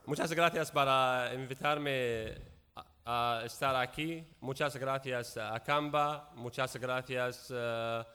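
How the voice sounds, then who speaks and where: A man from Syria, a native Arabic speaker with a Syrian accent, giving public testimony as a guest speaker in halting, broken speech with repeated words and searching pauses. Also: medium pitch, fairly even intonation, pushed and bright, clean tone. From Raqqa region, Syria. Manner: halting, broken Spanish with frequent repetitions and word searching.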